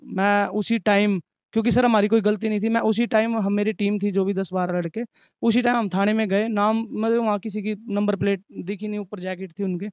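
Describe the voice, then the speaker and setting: Young male restaurant manager, high voice, aggrieved and earnest, dry close sound. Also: fairly even intonation, fairly quick, a little mellow, dry recording. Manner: earnest, aggrieved, recounting in detail. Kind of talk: interview testimony.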